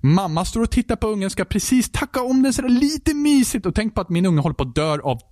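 A man's voice: sits high, big pitch swings, dark tone, no echo, studio quality. A man telling an exasperated, comedic story in a casual chat, swearing freely as he goes.

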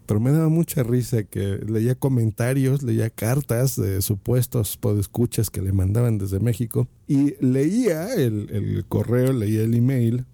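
A man's voice: mid-range voice, expressive, unhurried, gravelly, few pauses, mellow, no room sound. A man with a Mexican accent hosting a podcast, talking casually and playfully to his listeners while recording on a phone in his office. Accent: Mexican Spanish. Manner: playful and chatty, addresses listeners directly. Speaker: podcast host.

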